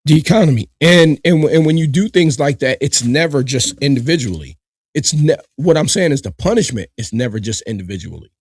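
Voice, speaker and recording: A man's voice: fairly high pitch, expressive, fairly quick, slightly rough, no echo. Emphatic man reacting live, dry sound. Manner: emphatic, repetitive, addresses viewers directly. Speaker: live reaction show host.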